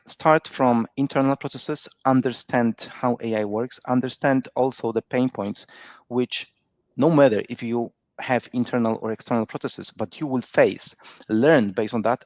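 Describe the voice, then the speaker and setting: A man's voice: mid-range voice, a little mellow, dry recording. A man speaking as a guest in a business webinar, explaining ideas while thinking aloud with restarts and fillers, heard over a video call. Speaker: webinar guest, tech company representative. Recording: dull lo-fi remote call audio.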